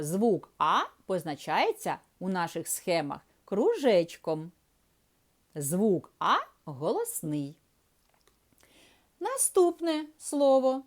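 A woman teaching a reading lesson to small children in a slow, sing-song teacher voice. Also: medium pitch. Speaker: preschool teacher. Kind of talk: early-years reading lesson.

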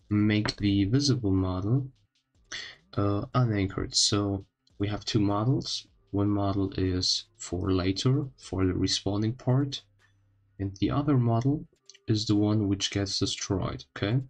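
A man hosting an informal coding tutorial in halting phrases, his speech a little odd and impeded after having his wisdom teeth out. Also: fairly low pitch, faint music behind. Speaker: tutorial host.

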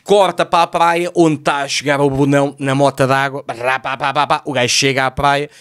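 Rapid, sarcastic man. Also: medium pitch, flat delivery, a bit bright, clear, resonant tone, no room sound, clean studio sound. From Lisbon, Portugal. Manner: sarcastic, profane, exasperated. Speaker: comedian. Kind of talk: comedic TV recap rant.

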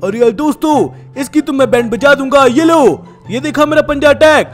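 Swaggering kid cop hero, very high cartoon voice, catchphrase-heavy, as a man puts him on. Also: moderate pace, soft background music. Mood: gloating. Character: brash young kid police hero. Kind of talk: gameplay voice role-play.

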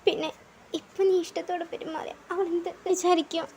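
A woman voicing a calm, sly young man friend who talks in a measured, soothing way in a fan audio drama. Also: slight background noise. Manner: measured, soothing, low and steady.

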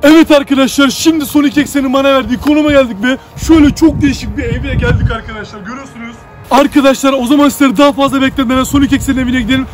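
A man vlogging casually, brash and taunting, talking in slang with excitable energy. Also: very high-pitched, rapid-fire, faint music behind. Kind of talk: casual horror-challenge vlog.

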